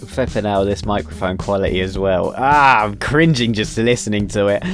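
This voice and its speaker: A man's voice: on the low side, normal speed, soft background music. A man reacting to his own old video, laughing at himself and exclaiming. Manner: self-mocking, exclaiming. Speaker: channel host.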